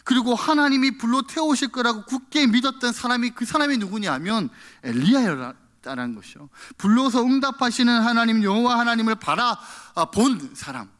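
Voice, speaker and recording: A man's voice: very high voice, animated, moderate pace, few pauses, a bit bright. A male pastor preaching a sermon in church, acting out the quoted prayers in a raised voice.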